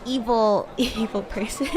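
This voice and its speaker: A VTuber streamer plays a bratty, playful young demon classmate, chatting with giggles and drawn-out, hesitant words. Her voice is fairly high, and crowd noise and other background noise can be heard.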